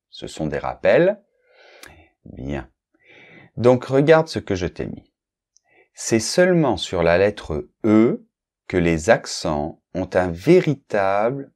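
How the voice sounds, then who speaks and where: A man's voice: on the low side, darkish tone. A man teaching a recorded lesson, speaking to the learner informally and patiently spelling out example words one by one. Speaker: French teacher.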